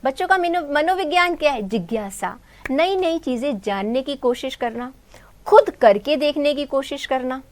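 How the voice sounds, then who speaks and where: Explaining a Hindi textbook story, this woman speaks at a normal pace in a high, animated voice. As a teacher, she poses questions to students and answers them herself, addressing them as "beta" and "bhai".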